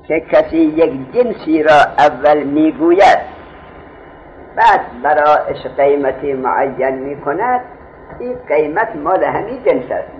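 A man teaching a grammar class, explaining with everyday market examples and answering his own questions. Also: fairly high pitch. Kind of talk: classroom lecture on Arabic grammar. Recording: tinny phone-like lo-fi recording, faint hiss.

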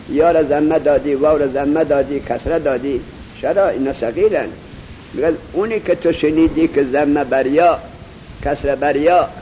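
A man teaches a grammar class in a somewhat high voice, firing questions at his students and stretching out each example as he recites it. The recording is muffled and lo-fi, with a faint hiss underneath. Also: a little mellow. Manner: drills students with questions, slow emphatic recitation. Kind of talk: classroom lesson on Arabic grammar.

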